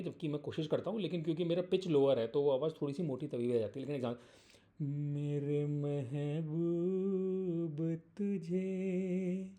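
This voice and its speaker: A man talks through an idea in a relaxed, unscripted way, pausing to think and mixing in English terms. His voice sits a little high and has a soft, mellow tone. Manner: thinking aloud, hesitant fillers, mixes English words. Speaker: video host. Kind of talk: casual explanatory monologue.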